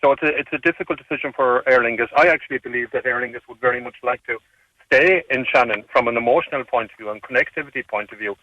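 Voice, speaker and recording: A man giving measured, earnest commentary as a radio interview guest over a phone line. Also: mid-range voice, pushed and bright, dry recording, far from the mic. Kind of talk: current affairs commentary.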